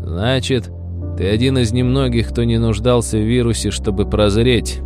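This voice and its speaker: A man voicing a calm middle-aged settler who explains things in a measured way. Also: mid-range voice, over music, voice pushed up, natural voice.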